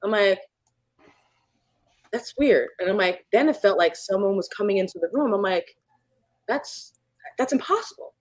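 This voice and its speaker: Animated woman telling a spooky story. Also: moderate pace, long pauses, no echo. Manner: animated, acts out moments with sudden pitch jumps. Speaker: guest. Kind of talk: storytelling in a casual podcast chat.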